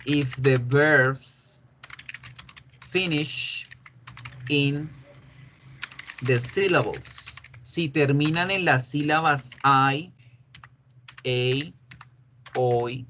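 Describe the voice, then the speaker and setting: A man teaching an English grammar lesson, explaining slowly and repeating each example. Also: medium pitch, bright, forceful tone, a little hiss or hum. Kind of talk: recorded online grammar lesson.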